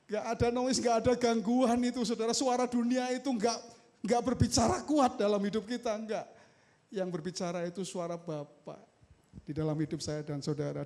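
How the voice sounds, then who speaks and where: A man preaching a sermon as pastor, calling out to the congregation and swinging between loud emphasis and soft asides. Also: high-pitched. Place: church sanctuary.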